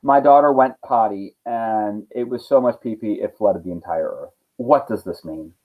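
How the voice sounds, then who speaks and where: A man's voice: fairly low pitch, normal speed, voice pushed down, lightly acted. A man voicing a paranoid ancient king who fears his grandson, in a casual, modern way of talking. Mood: worried. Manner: casual, modern everyday speech. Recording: tinny phone-like sound.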